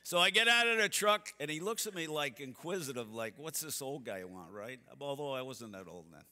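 A man in his seventies, seated on a church sanctuary stage, gives a seminar talk as a folksy, animated storyteller who acts out the people in his stories. His mid-range voice is brisk, with long hall reverb from the sanctuary.

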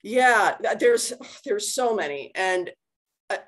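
A university lecturer gives an informal slide lecture with answers over a video call, picked up by her computer microphone. Her mid-range voice has lively intonation and a slow pace, and she keeps things conversational, explaining with everyday analogies.

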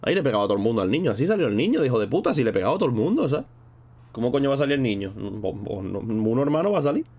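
A man's voice: medium pitch, big pitch swings, racing, darkish tone. A man streaming live, chatting casually and rambling in a slangy way while thanking viewers between thoughts. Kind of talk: casual livestream chat.

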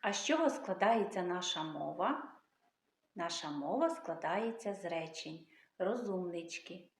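A woman's voice: fairly low pitch, animated, a little slow, slight background noise. A woman teacher asking young children questions about speech and praising their answers. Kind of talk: early literacy lesson for young children. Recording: echoey room.

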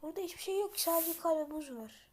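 A woman giving casual gameplay commentary, muttering to herself and then yelling in panic. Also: very high voice, lively intonation, fast talker, a little hiss or hum. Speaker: gameplay video maker.

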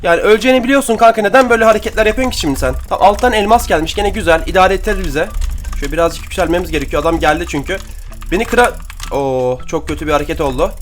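A young man giving excitable, slangy gameplay commentary and chatting to his viewers as he plays. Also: sits high, rapid-fire, faint music behind. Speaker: gaming YouTuber.

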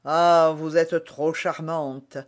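A man's voice: a little high, little pitch movement, very slow. A man with a French accent voicing an eager, lovesick young swordsman in an audiobook. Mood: ardent. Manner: eager, earnest. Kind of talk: audiobook reading.

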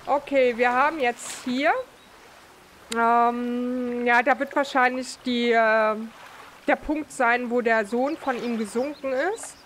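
A woman's voice: fairly high pitch, fairly even intonation, slow, fairly bright tone, slight background noise. A woman hosting a let's play, giving casual gameplay commentary and thinking aloud with fillers.

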